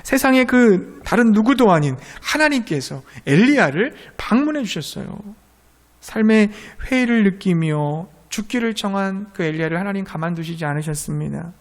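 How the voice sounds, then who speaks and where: Male pastor, high voice, gentle sermon delivery building to fervent appeals. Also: expressive, moderate pace.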